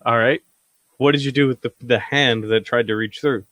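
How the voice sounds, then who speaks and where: A man's voice: mid-range voice, steady tone, moderate pace, a bit bright, no echo. A man playing a tabletop game, chatting casually and asking questions.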